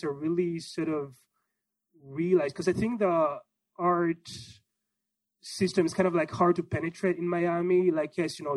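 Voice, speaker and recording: A young man raised in Israel, answering interview questions in a relaxed, rambling way with many fillers. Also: on the high side, no echo, poor audio. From Congo, raised in Israel. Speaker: gallery owner guest.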